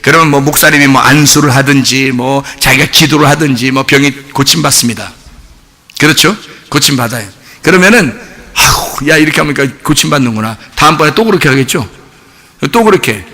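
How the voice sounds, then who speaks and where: A male pastor preaching a sermon in church. He keeps asking the congregation questions and at times breaks into shouting. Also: medium pitch, brisk. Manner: animated, rhetorical questions to the congregation, bursts of shouting.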